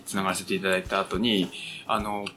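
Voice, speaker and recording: A man's voice: sits low, little pitch movement, fast talker, sharp tone. A man hosting a podcast, chatting casually with a guest. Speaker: podcast host. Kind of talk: casual interview chat. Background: background music.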